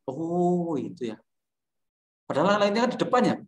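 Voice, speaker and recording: A man teaching a music lesson to a class, explaining things in a relaxed way and teasing his students with jokes. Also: a little high, fairly quick. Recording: echoey classroom.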